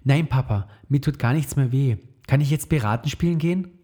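A man voicing an eager little girl in a storybook, in a high, bright childlike voice. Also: fairly quick, lightly acted.

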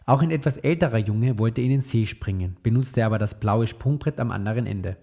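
A man narrating a children's story aloud in a steady, clear read-aloud manner. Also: medium pitch, a little fast.

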